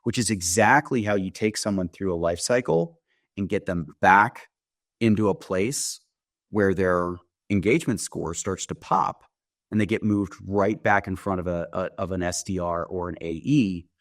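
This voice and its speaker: A man who founded a company appears as an interview guest, demonstrating his software and explaining it in a conversational, sales-pitch style while often checking in with "right?". The studio sound is clean, with no room sound.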